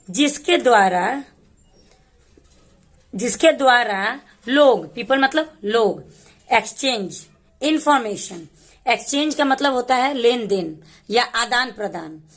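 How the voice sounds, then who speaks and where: A woman teaching English who reads phrases slowly and explains each word in Hindi. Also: fairly high pitch, fairly bright tone. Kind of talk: slow explanatory lesson.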